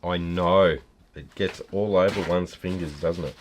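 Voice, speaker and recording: A man's voice: low-pitched, fairly even intonation, a little slow, slight background noise. A middle-aged man, bantering in an easygoing, encouraging way. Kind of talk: casual chat.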